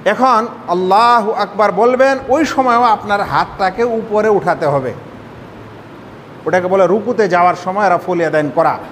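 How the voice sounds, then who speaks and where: A man with a high voice teaches prayer step by step in a sermon-style lesson. He puts rhetorical questions to the congregation as he explains. His voice carries a long hall reverb over a faint low rumble. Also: moderate pace, fairly bright tone. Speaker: Islamic scholar teaching prayer.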